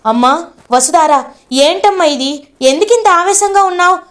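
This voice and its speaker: A woman's voice: extremely high pitch, moderate pace, pitched above the performer's own voice. A woman voicing a shocked elderly father crying out in anguish. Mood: worried. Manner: anguished, shouting.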